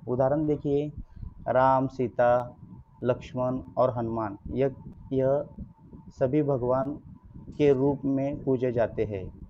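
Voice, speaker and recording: A man teaching an online grammar lesson to schoolchildren, his voice sitting at an ordinary middle pitch. He speaks in a patient, explanatory way, constantly asking rhetorical questions and answering them himself. The recording is dull and lo-fi. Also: fairly even intonation, slow, long pauses, a little hiss or hum. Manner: addresses pupils as children, patient and explanatory.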